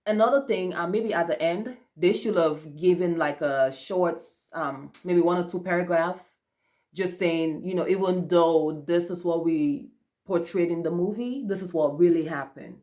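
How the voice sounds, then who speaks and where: In a somewhat low, slightly mellow voice at a moderate pace, a young woman from Africa reviews a movie for her vlog. The talk is relaxed and chatty, with frequent laughter, many filler words and plenty of false starts.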